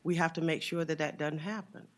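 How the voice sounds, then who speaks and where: A man giving formal testimony to a legislative committee, earnest and deliberate, pausing often with fillers. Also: fairly high pitch, steady tone. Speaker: witness testifying before a committee.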